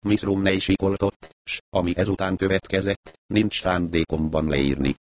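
A man narrating a thriller novel in first person, reading in a steady, measured way. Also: low-pitched, no room sound. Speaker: audiobook narrator. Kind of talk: scripted narration.

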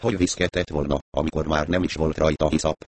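A man reading a story aloud as an audiobook narrator, in a steady, even storytelling delivery. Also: rumbling low, no echo. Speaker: audiobook reader. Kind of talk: scripted narration.

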